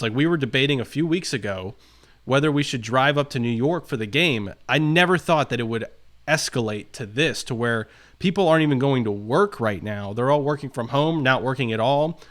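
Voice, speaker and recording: Man co-host, mid pitch, long reflective rambles, casual sports talk, call audio. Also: fairly bright tone. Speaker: podcast co-host.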